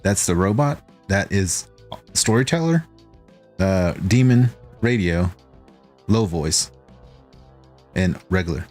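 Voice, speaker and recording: A man with a fairly low voice, hosting a relaxed toy livestream. He teases his co-host and talks easily. Nothing about him sounds rushed or formal. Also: soft background music. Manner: teasing, laid-back. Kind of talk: casual livestream chat.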